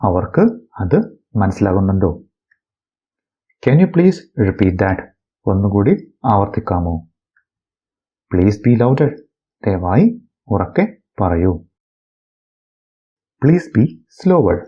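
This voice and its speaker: A man from Kerala teaches a bilingual phrase lesson. He reads each sentence slowly and deliberately, then translates it. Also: low voice, sing-song, muffled recording. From Kerala, India. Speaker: English teacher.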